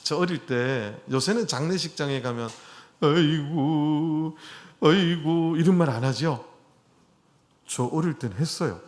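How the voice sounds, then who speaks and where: A man's voice: medium pitch, lively intonation, normal speed. A middle-aged man preaching a sermon in a church, chatting with his congregation and putting questions to them. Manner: conversational, asks the congregation questions. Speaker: pastor. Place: church hall.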